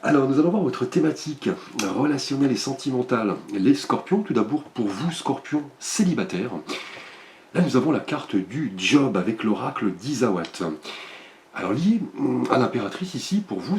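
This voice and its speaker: A man giving a monthly tarot and astrology card reading, speaking gently with many fillers. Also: mid-range voice. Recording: roomy echo.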